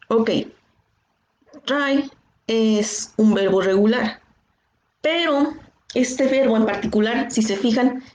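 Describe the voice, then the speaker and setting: A woman with a slightly high, darkish voice and a Mexican Spanish accent teaches English grammar in an online class, and the audio is reverberant. She explains patiently, regularly checking her students follow with "¿sí?".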